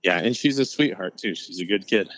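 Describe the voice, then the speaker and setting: A man from Utah with a somewhat low voice tells a story on a podcast in a relaxed way. His telling is easygoing, with soft "um"s along the way. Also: brisk, dull audio, a little hiss or hum. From Utah, United States. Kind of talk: casual podcast chat.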